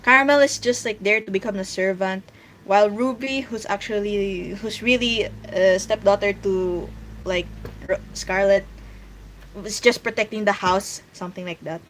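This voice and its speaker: A woman's voice: medium pitch, steady tone, normal speed, a bit bright. A woman with a Filipino accent, chatting casually while drawing on a stream and rambling with lots of fillers. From Philippines. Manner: rambling, filler-heavy, restarting thoughts aloud. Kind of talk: casual livestream chat.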